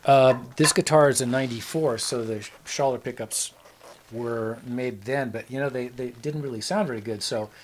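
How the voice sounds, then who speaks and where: Casting note: relaxed male co-host, mid-pitched, rambling and jokey, faint noise behind. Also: moderate pace, poor audio. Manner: rambling, easygoing, joking. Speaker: show co-host. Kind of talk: casual chat.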